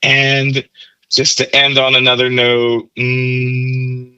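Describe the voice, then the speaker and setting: A trumpeter guesting on a podcast explains jazz tone and technique in a teacherly way, repeating words for emphasis. He speaks slowly and completely flatly in a medium-pitched voice that is bright, forceful, clear and resonant. The muffled recording has no room sound.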